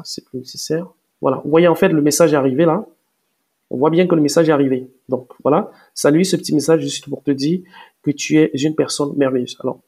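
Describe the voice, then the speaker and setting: A man walking viewers through software step by step in a screen-recorded tutorial, hesitant with many fillers and restarts. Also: fairly high pitch, creaky, breathy edge. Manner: explains step by step, addressing viewers directly. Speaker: tutorial presenter.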